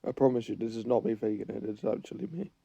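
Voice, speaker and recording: A gaming channel host who has a cold and is losing his voice gives fast, expressive commentary as he plays, rambling, thinking aloud, and correcting himself. His medium-pitched voice is gravelly, mellow, and slightly rough, with no room sound.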